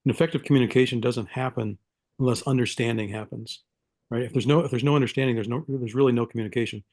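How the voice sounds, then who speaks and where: Fast-talking man with a mellow voice. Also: medium pitch, fairly even intonation, no echo, clean studio sound. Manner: affirming, builds on the other speaker's point.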